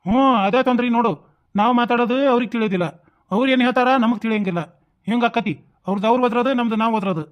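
A man doing a fast-talking village headman. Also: very high voice, highs cut off. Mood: coaxing. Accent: North Karnataka Kannada. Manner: fast, coaxing, reassuring. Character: village headman husband, coaxing and talkative. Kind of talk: cartoon voice acting.

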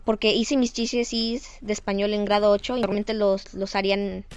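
A teenage girl with a Mexican Spanish accent, talking in a chatty, lively, self-mocking way in a casual vlog. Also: medium pitch, fairly quick, clear, resonant tone, no room sound. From Canada. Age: teens. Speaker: vlogger.

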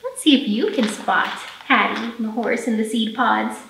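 A librarian in her thirties hosts a children's storytime, pre-recorded for online viewing in an indoor library room with roomy echo and slight background noise. Her voice sits on the high side, creaky and fairly bright, at a normal speed, as she reads expressively and talks directly to young children.

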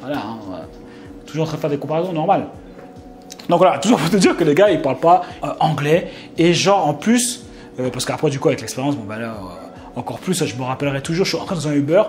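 Young french guy rambling thru a travel story, lots of euh and restarts, bit high voice. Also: fast, soft background music. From France. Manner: rambling, many fillers and restarts, animated outbursts. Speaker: vlogger. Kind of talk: casual storytelling vlog.

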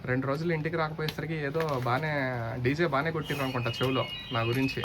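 A man's voice: mid-range voice, fairly even intonation, fast talker. A man doing comic banter in a playful, teasing, mock-indignant way, with faint background noise. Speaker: comic vlogger.

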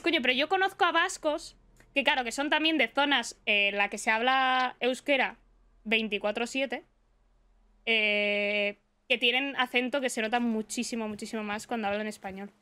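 A woman's voice: fairly high pitch, moderate pace, bright, forceful tone, smooth. A young woman from Spain with a Spanish accent, chatting casually through live gameplay commentary and breaking into shrieks and swearing when she gets startled. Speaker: streamer.

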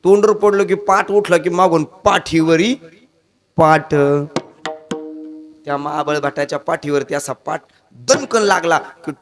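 A man's voice: unhurried, pauses often, soft background music. A man telling a comic devotional story as a kirtan preacher, acting out the characters in raised voices. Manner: animated, acts out characters with raised pitch.

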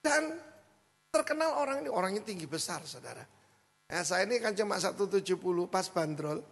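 A middle-aged male pastor preaching a sermon, telling a story with a lively manner and frequent asides to the congregation. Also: sits high, slightly rough. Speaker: senior pastor. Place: church hall. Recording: hall reverb with mains hum.

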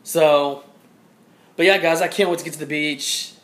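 A Georgia man vlogs into a handheld camera, chatting casually in an upbeat, rambling way and repeating himself. His voice is a little high, steady, fairly bright, and at normal speed.

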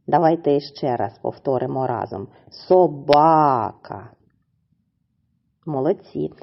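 A woman teacher speaks to young pupils in a recorded lesson, with a low, husky voice whose pitch rises and falls a great deal. She goes slowly and carefully and stretches each example word out syllable by syllable. The recording sounds dull and lo-fi. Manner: slow, deliberate, stretches example words syllable by syllable. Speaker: primary school teacher.

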